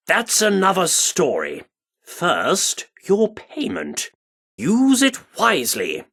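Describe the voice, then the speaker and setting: In a video game, a male actor plays a pompous, excitable British theatre director who speaks in grandiose, florid Shakespearean style. The heavily acted performance uses a high voice with vocal fry.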